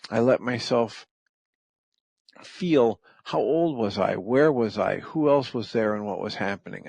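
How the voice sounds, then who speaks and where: Middle-aged guy on talk radio, slow gentle explaining, dry close mic. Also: mid-range voice, no echo. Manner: calm, gentle, step-by-step explaining. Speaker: radio host. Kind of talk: reflective talk radio teaching.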